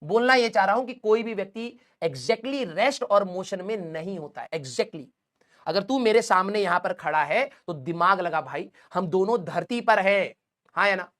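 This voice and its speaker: A man teaching physics in a joking, teasing manner, with playful scolding and sudden shifts between loud and soft. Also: high voice, expressive, moderate pace. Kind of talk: comic classroom lecture.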